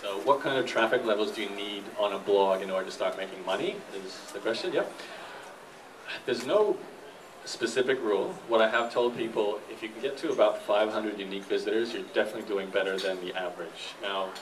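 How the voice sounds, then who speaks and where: Talking briskly in a low-leaning voice, this internet entrepreneur and blogger appears as a guest speaker in a noisy room, giving a casual explanatory talk and answering questions. The mic is far away from him.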